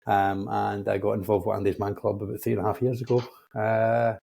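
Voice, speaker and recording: A man's voice: fairly low pitch, little pitch movement, fairly quick, gravelly, warm tone, husky. A man in his forties with a Dundee Scottish accent, telling his own story casually as a podcast guest. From Dundee, Scotland. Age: 40s. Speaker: podcast guest, men's support group facilitator. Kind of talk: casual chat, personal storytelling.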